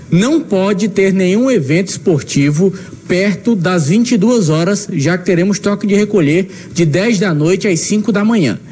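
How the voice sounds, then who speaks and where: A man's voice: sits high, a little mellow. A man giving a live sports radio report remotely from home. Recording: remote home link, faint background noise.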